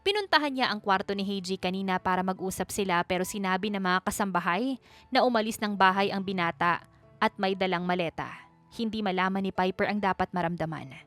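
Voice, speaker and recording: A woman storyteller narrating a scripted romance story in a steady, even manner. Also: mid-range voice, a little fast. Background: faint background music.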